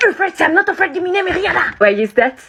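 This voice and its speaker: A woman playing a cheeky, show-off high-school classmate in a comedy sketch. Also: very animated, fast, pushed and bright, slight background noise, heavily acted. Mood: cocky. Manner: cocky and teasing.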